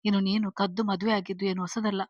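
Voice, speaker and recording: A woman's voice: mid-range voice, flat delivery, fast talker, darkish tone, dry recording, distant mic, lightly acted. A woman voicing a spiteful rich aunt who taunts the family in a sarcastic, sneering way. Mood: taunting.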